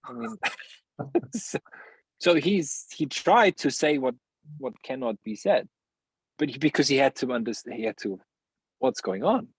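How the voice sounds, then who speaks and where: Man, philosopher guest, husky voice, dry close sound, halting restarts. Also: medium pitch, big pitch swings, no echo, rough recording. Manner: searching, halting phrasing with many restarts and laughs. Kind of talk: reflective interview conversation.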